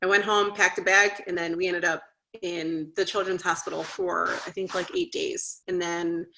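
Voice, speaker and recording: A woman's voice: fairly low pitch, fairly even intonation, moderate pace, gravelly, bright, forceful tone, slight background noise. A woman in her thirties, a guest parent telling her story in a casual interview, chatty and earnest, acting out the conversations she recalls. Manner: chatty, with frequent "like" and "you know".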